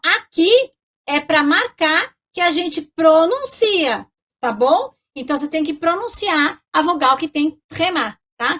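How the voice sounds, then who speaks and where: A woman with a high voice teaches a casual French lesson. She talks in a friendly, chatty way and checks in with her listeners after almost every phrase. She slows down to spell and pronounce French words. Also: a bit bright. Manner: chatty, checks in constantly with tag questions.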